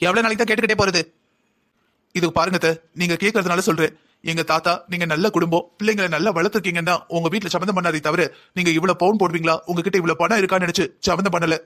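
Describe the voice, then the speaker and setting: Very fast and pushed, this man's high, bright voice holds a steady tone. He's a cartoon voice actor covering a whole family, acting out a heated, argumentative quarrel in a drama.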